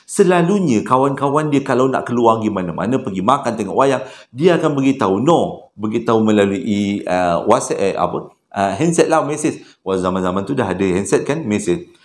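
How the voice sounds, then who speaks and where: A man with a Malaysian Malay accent telling a horror story in a chatty way, acting out the characters. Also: medium pitch. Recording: roomy echo.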